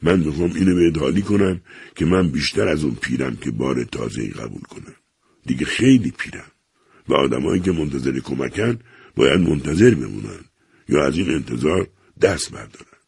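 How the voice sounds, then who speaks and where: A man with a deep, gravelly voice voicing a stern old doctor who coldly refuses to help his son. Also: animated, a little mellow, no echo, exaggerated voice. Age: older. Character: stern, cold elderly father, a doctor. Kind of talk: audiobook character reading.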